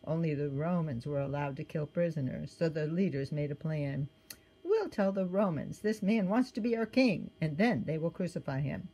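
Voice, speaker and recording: The recording is low quality, but a woman's husky, soft, lowish voice comes through as she reads a children's storybook at normal speed, animated yet gentle and expressive. Occasionally she stops to point out what's happening in the picture.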